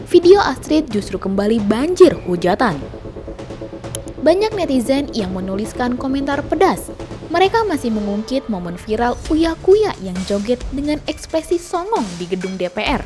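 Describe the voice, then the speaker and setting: A woman's voice: sits high, sing-song, moderate pace. A woman narrating celebrity news from a script in a dramatic style. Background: background music.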